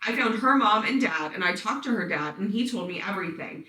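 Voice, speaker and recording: A woman reads listener stories on her podcast in a loose, chatty story-time way, swearing freely and breaking off into her own asides. Her voice is bright and forward. The room rings around her, and she sits a little back from the mic. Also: medium pitch, expressive, fairly quick, far from the mic. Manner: profane, blunt, chatty asides. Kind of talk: casual story-time narration. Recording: roomy sound, voice set back from mic.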